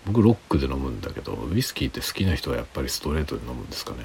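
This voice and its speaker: Tipsy male streamer, very low pitch, lively intonation, quiet rambling late-night chat. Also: very fast, vocal fry, slight background noise. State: drinking alcohol, tipsy. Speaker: livestream host.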